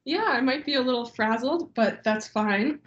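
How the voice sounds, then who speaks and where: Speaking over a video call webcam from a room at home, a young woman serving as a library director gives formal testimony at an online meeting, hesitant and full of ums. Her stuffy, congested voice sits high and moves a little slowly. The sound is lo-fi with slight background noise.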